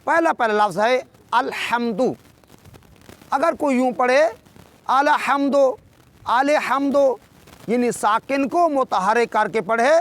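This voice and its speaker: A man with a Pakistani Urdu accent teaching correct Quran pronunciation, explaining rules and then reciting words slowly and drawn out, his voice dropping low at the end of his sentences. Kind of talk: tajweed lesson with slow demonstrations.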